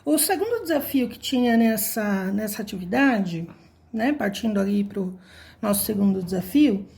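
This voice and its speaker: A woman's voice: mid-range voice, expressive, normal speed, creaky, darkish tone. A woman teacher patiently explaining a word puzzle step by step, counting syllables and letters aloud.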